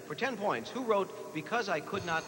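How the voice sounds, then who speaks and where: This American host of a live quiz show reads questions to the players in a high-pitched, expressive voice at a moderate pace. The sound comes from a noisy old TV broadcast in a hall with echo.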